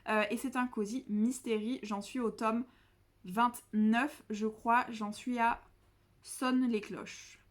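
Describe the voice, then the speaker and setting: A chatty young woman talks through her reading plans in a casual vlog. Her voice sits a little high, and she keeps stumbling, restarting and poking fun at herself as she goes. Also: level tone, slow pace. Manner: chatty, self-mocking, many fillers and restarts. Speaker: book vlogger. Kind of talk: casual chat.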